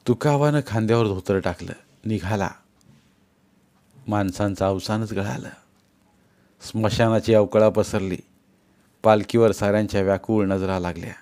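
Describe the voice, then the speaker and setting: A man narrating a story in a measured, steady storytelling manner. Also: on the low side. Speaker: audiobook narrator.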